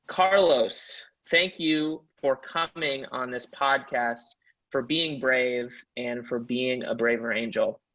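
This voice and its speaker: Male podcast host, earnest and measured, mid-pitched, a bit muffled lo-fi audio. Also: sharp tone. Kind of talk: interview hosting. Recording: slightly dull, lo-fi audio.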